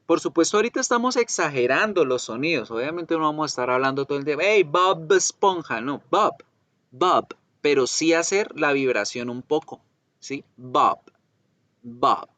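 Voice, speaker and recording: A man's voice: on the high side, expressive, fairly quick, a bit bright, no echo. A male English teacher giving a virtual pronunciation lesson, patiently drilling sounds by repetition. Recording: dull lo-fi dry recording.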